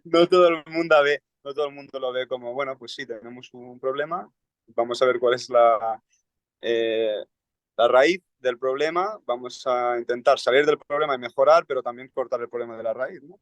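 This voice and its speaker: A man's voice: medium pitch, normal speed, dry recording, rough recording. A man, a guest in a casual conversation, talking in a reflective way and thinking aloud.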